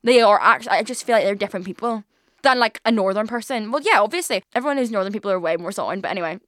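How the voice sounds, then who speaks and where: Rapid-fire and fairly bright, a mid-range female voice belongs to a woman in her twenties hosting a casual solo podcast. She rambles with lots of fillers and swearing, recorded in a studio on a studio mic with no echo.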